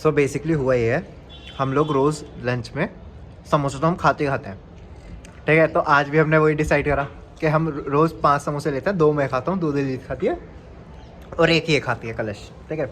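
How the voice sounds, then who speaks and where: A young man telling college stories in a casual vlog, animated and laughing often. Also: on the high side, normal speed. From India. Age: young adult. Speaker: vlogger. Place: college campus. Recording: loud crowd noise behind.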